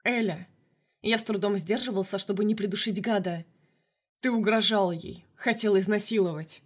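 A woman voicing a young male mage who speaks calmly and icily, slow and controlled. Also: medium pitch, slightly rough, close to an everyday voice. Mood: icy. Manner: calm, icy, slow. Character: young male mage hero, cold, vengeful.

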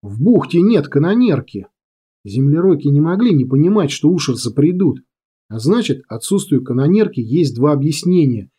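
Male audiobook narrator, husky and lively. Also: fairly high pitch, normal speed. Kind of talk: scripted narration.

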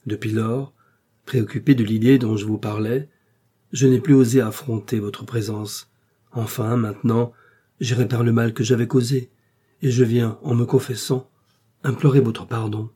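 Charming, pleading young husband in a storybook reading, a man's voice, mellow and husky. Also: mid-range voice, fairly even intonation, normal speed, lightly acted. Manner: coaxing, playful.

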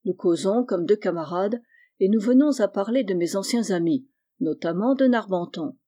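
A reader voicing a troubled young man who speaks earnestly and deliberately in an audiobook. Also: medium pitch, expressive, mellow, lo-fi sound, close to an everyday voice. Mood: measured. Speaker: character in a novel reading. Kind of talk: dramatic audiobook reading.

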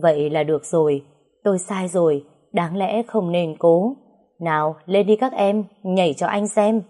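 A woman's voice: on the low side, measured pace, dark tone. Woman voicing a curt, brooding young man. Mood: bitter. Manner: curt and dismissive. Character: brooding cold young man, harsh with women.

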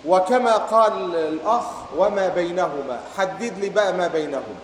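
A man's voice: high-pitched, moderate pace. A man with an Egyptian accent giving a lecture, quizzing his students and reciting verses. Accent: Egyptian Arabic. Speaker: teacher. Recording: echoey hall, faint background hiss.

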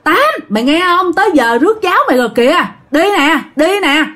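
A woman voicing a bossy village woman who scolds and nags in a shrill voice. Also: big pitch swings, brisk. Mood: calling out.

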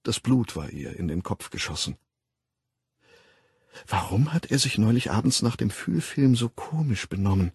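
Gravelly, husky male audiobook narrator. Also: lowish voice, moderate pace, no room sound. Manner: expressive storytelling reading.

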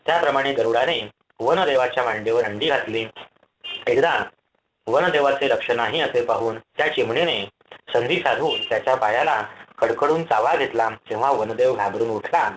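A man narrates fables for an audiobook, steady and measured. His voice sits at a middle pitch and rings with roomy reverb, with faint noise underneath. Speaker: audiobook reader.

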